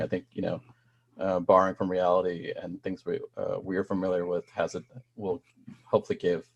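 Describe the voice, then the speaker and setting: Man from Sri Lanka, low voice, soft-spoken game developer on a panel. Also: gravelly, husky. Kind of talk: panel discussion.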